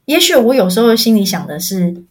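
A woman telling a personal story on a podcast over an online call, halting, repeating words as she searches for them. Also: a little high, very animated, husky. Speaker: podcast co-host.

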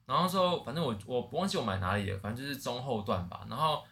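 A man with a Taiwanese Mandarin accent, co-hosting a podcast in casual chat and throwing out quick wisecracks. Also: medium pitch, animated, sharp tone. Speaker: podcast co-host.

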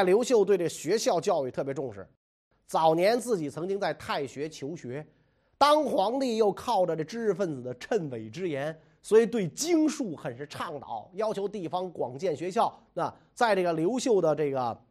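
A man's voice: high-pitched, sing-song, moderate pace. Chatty man telling history. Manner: chatty, jokey, colloquial. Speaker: storyteller. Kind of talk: casual history storytelling.

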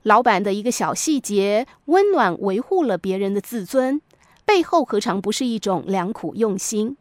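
A woman hosting a podcast, reading a scripted reflective essay in a measured, moralizing storyteller's manner. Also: mid-range voice, expressive, a little mellow, dry recording, studio quality. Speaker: podcast host.

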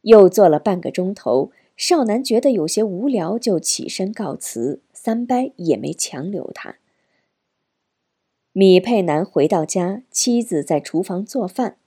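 Husky, expressive woman narrator. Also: mid-range voice. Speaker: audiobook narrator. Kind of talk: novel reading.

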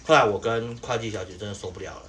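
Fast-talking young man ranting. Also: lowish voice, fairly bright tone, a little hiss or hum. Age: young adult. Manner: fast, exasperated storytelling with many fillers. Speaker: podcast co-host telling a work story. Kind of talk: casual chat.

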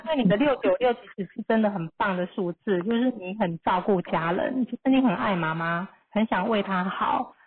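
A woman with a Taiwanese Mandarin accent, a numerology teacher explaining calmly and reassuringly on a live podcast. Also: medium pitch, brisk, hardly any pauses, crowd noise. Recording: phone-like narrow-band line.

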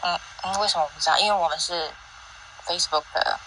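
Lower-voiced chatty woman teacher. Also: steady tone, fast, fairly bright tone, a little hiss or hum, poor audio. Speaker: co-host, Montessori teacher. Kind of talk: casual chat.

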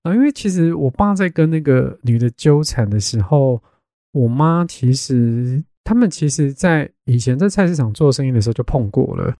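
A young man hosting a podcast, telling a family story in a casual, animated way and dropping in English words. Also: medium pitch, moderate pace, no room sound, clean studio sound. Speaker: podcast host.

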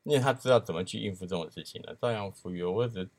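A podcast host with a deep, darkish voice races through a crude story in a casual chat. He laughs along the way and acts out the voices of the people in it.

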